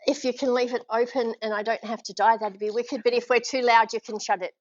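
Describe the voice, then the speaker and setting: An Australian leadership speaker gives an energetic live presentation to a small audience in a function room, pulling listeners in with questions and encouragement. Her voice sits a little high and steady, and she talks a little fast. The audio is dull and dry, with no room sound.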